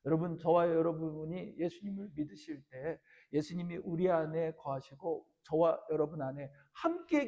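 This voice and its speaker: Impassioned high-voiced pastor preaching in a hall. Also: male voice, muffled recording. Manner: impassioned preaching, swings from quiet talk to loud emphatic peaks. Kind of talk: sermon. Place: church sanctuary. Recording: reverberant church sanctuary.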